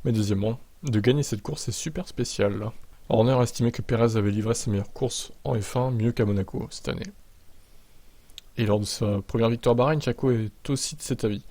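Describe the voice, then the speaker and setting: Here a man with a medium, dark-toned voice talks a little fast, dry and with no echo, as he hosts motorsport news. He flips from straight narration to frank, casual takes, staying sardonic and slangy throughout as a commentator and video host.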